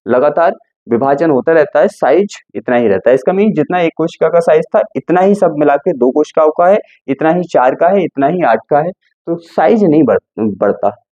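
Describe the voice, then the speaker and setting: A man's voice: a little high, mellow, dry recording, muffled recording. A male teacher going through a textbook line by line, often asking a question and answering it himself.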